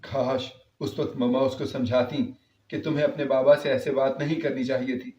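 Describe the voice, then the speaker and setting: A man's voice: medium pitch, little pitch movement, warm tone, distant mic. A man narrating an emotional first-person story in an earnest, heartfelt way. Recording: roomy, slightly dull recording.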